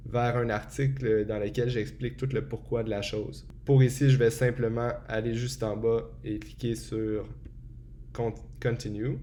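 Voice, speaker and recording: A man walks through a software setup step by step in a relaxed tutorial, often pausing with hesitations. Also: medium pitch, slight background noise. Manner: relaxed and explanatory, frequent hesitations. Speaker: tutorial presenter. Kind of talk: screen-recorded software tutorial.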